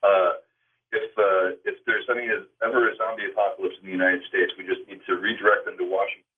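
A man calling in to a late-night radio show through a Bluetooth headset, his voice tinny and hollow. He talks in a halting, speculative way with many pauses. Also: sits low, little pitch movement, distant mic. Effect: tinny, hollow phone sound from a Bluetooth headset. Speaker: caller. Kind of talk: call-in talk radio. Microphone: Bluetooth headset on a phone call. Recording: tinny, hollow phone line from off-mic.

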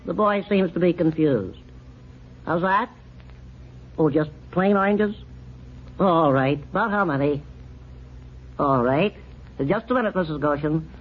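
A pompous old country doctor. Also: male voice, on the high side, slightly rough. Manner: pompous and lecturing, drawn-out. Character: pompous, fussy older male country doctor. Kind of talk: 1930s radio comedy acting. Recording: dull old radio recording with faint hiss.

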